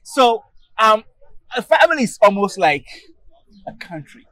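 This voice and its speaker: A man's voice: sits high, big pitch swings, a little slow, fairly bright tone, no echo, rough recording. A man from Togo with a Togolese accent, talking casually as an interview guest in an emphatic way, often repeating words and checking in with "right?". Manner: emphatic, repeats words, tags phrases with "right?" and "you know". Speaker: podcast guest, public speaking group organizer.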